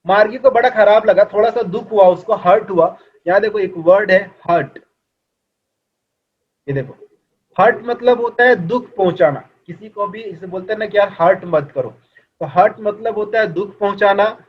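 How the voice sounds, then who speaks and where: Male teacher, high-pitched, muffled lo-fi recording; patient online lecture with questions to students. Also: husky. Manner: explains in Hindi, reads English lines slowly; asks students questions as if in class. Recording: dull lo-fi recording.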